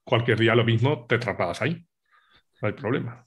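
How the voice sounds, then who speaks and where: Male host, relaxed questions, short agreeing replies. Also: fairly low pitch, brisk. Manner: brief backchannels, relaxed questions. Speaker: podcast host. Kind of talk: casual interview chat.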